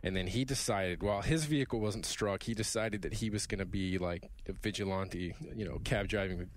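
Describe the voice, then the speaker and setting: A man's voice: low-pitched, brisk, a little hiss or hum. A man co-hosting a podcast, telling a story in a loose, rambling way. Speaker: podcast co-host. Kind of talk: casual chat.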